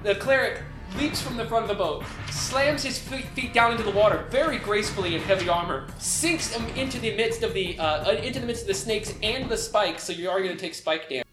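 A woman narrating a tabletop game as game master, descriptive and halting as she improvises. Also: medium pitch. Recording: roomy sound with music behind.

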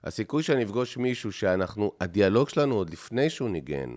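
Animated Israeli man, lively storyteller. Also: lowish voice. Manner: animated storyteller who acts out other people's lines. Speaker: musician guest. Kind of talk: casual podcast interview.

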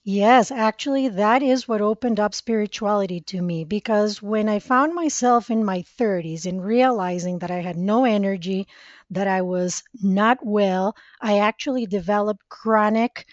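A woman's voice: mid-range voice, moderate pace, no room sound, muffled recording. A woman from Costa Rica, a spiritual mentor, telling her personal story earnestly as a guest in a conversational interview.

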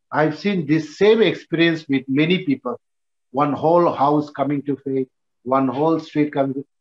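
Higher-pitched Indian-accented man preaching, muffled audio. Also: reverberant. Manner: emphatic, repetitive, short phrases. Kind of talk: teaching talk to church workers.

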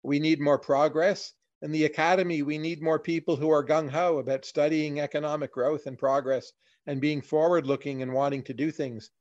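A man, a guest in an interview, explaining his views in a measured way, in plain short lists. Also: fairly high pitch, darkish tone. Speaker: economist guest. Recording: dull lo-fi audio.

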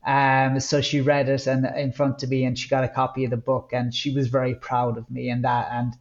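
A man with a Kerry accent from the west of Ireland, telling personal stories as a podcast guest, haltingly and with words repeated for emphasis. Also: mid-range voice, completely flat delivery, dull audio. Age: 30s or older. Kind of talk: candid personal storytelling in conversation.

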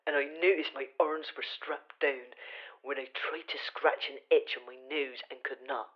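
A woman's voice: very deep voice, fairly even intonation, normal speed. A woman voicing a pompous, self-important male detective in a hobby audio drama, telling his own capture with wry storytelling. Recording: slightly dull lo-fi recording.

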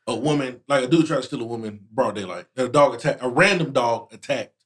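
A man talks quickly in a casual group chat, his pitch swinging widely. He tells stories animatedly and circles back on his own phrases. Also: slightly rough. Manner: animated storytelling, repeats himself.

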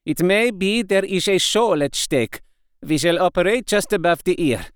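A stern older professor, as a male reader puts him on, grave and measured, pitched a little above the reader's own voice. The voice is smooth and clear. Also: lively intonation, dry recording, studio quality. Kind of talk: audiobook character reading.

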